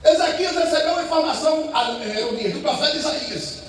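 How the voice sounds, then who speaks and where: A man's voice: extremely high pitch, expressive, fairly quick. A man, preaching a sermon as pastor, emphatic and full of repeated rhetorical questions. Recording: echoey hall, distant mic, faint noise.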